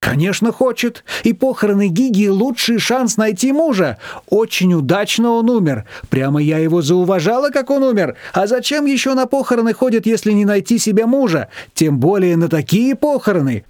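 A man's voice: sits high, lively intonation, moderate pace, few pauses, darkish tone, no room sound, clean studio sound, pitched above the performer's own voice. A man voicing a worldly, sarcastic woman gossip who speaks in a knowing way.

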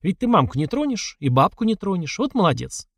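A man's voice: high-pitched, sing-song, a little fast, dry recording, studio quality, voice pushed up, exaggerated voice. A man voicing a bossy, stubborn older mother-in-law who scolds and orders her family around. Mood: scolding. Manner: scolding, domineering.

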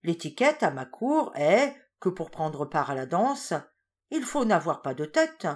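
A woman's voice: mid-range voice, very animated, measured pace. A woman reading a storybook, voicing a regal, commanding queen of the birds in a haughty manner.

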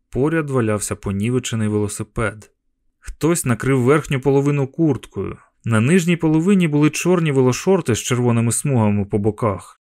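A male audiobook narrator with a mid-pitched voice reads in an even, measured way. The recording is dry and close, with no room echo at all. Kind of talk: scripted narration. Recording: dry close studio sound.

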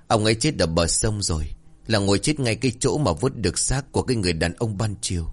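A man's voice: lowish voice, lively intonation, fast, slightly rough. Man reading an earnest village uncle. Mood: uneasy. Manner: earnest, advising. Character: concerned village uncle, neighbor.

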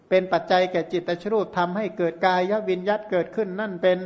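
Buddhist monk teaching, Khmer native speaker, higher than typical male pitch, patient explaining tone. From northeastern Thailand. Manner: patient, explanatory, loose fillers. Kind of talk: dharma talk to a small group.

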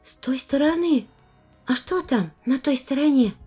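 A woman voicing an innocent, curious little girl who asks eager, wondering questions in a high, childlike voice. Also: animated, unhurried, mellow, faint music behind.

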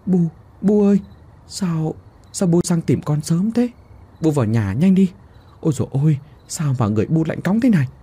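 A man's voice: on the high side, animated, normal speed, pauses often, dark tone, husky, voice pushed up. A man voicing a caring middle-aged woman who stammers and trembles with worry. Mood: anxious.

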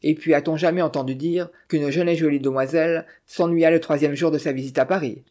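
A narrator voicing an elderly, ailing American man with a strong, sonorous voice and a good-natured, deadpan manner. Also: medium pitch, fairly quick, lightly acted. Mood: genial.

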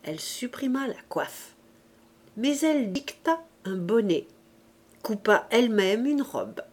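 A woman reading a classic French novel aloud in a measured, unhurried storytelling voice. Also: a little high, very animated, darkish tone. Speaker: audiobook reader. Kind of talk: unhurried literary narration.

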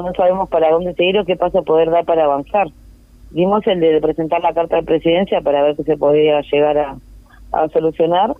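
A low-pitched woman's voice comes through a tinny, dry telephone line with no echo. She is a neighborhood representative with a Uruguayan Spanish accent being interviewed, and she hesitates often, using many fillers and restarts.

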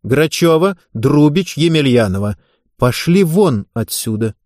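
A man's voice: a little high, lively intonation, a little slow, darkish tone, no room sound, studio quality. Man voicing an icy, imposing head coach woman. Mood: cold.

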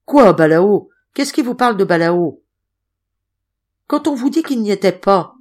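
A woman's voice: mid-range voice, lively intonation, measured pace, darkish tone, pitched above the performer's own voice. A woman reading an audiobook, voicing a bold, cunning old female servant who talks brashly and emphatically. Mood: insistent.

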